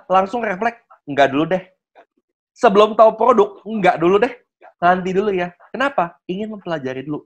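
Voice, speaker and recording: A man, guest speaker in a casual online presentation, who acts out sales dialogues and keeps addressing the listener politely. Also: a little high. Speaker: guest speaker on network marketing. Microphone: video call. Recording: muffled online call audio.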